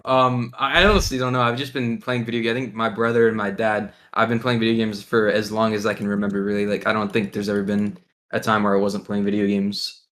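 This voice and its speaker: A bright, clear-toned teenage boy from Ohio chats loosely in an interview. He rambles with fillers like "like" and "um". He chuckles often as he answers. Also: lowish voice, level tone, quick pace. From Ohio, USA. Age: teens. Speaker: guest, pro gamer. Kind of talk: casual interview.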